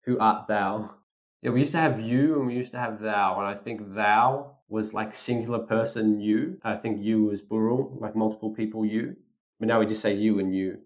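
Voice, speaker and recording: A man's voice: fairly low pitch, normal speed. A man reading a children's story aloud and patiently explaining the hard words as he goes. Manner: patient, explanatory, reads dialogue with voices.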